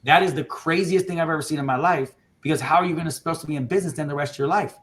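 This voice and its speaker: A man's voice: on the high side, very fast, fairly bright tone. A man hosting a casual panel talk, speaking with passion and emphasis and often cutting in.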